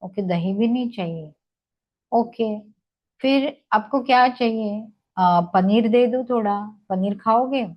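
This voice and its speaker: A woman voicing a kind village milkmaid who coaxes a crying toddler with gentle questions, in a devotional storybook telling. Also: fairly high pitch, takes it slowly, dull audio. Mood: coaxing. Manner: sweet coaxing questions.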